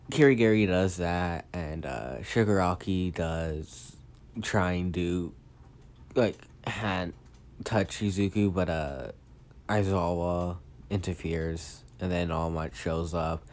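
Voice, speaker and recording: A man's voice: low-pitched, slow, a little mellow. A man casually retelling a fan story, rambling with many fillers and self-corrections.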